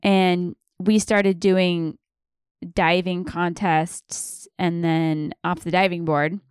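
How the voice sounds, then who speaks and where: A woman's voice: fairly low pitch, level tone, slow pace, smooth, dry recording, clean studio sound. A woman co-hosting a casual podcast, chatting loosely with lots of "like" and "um" and laughing often. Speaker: podcast co-host.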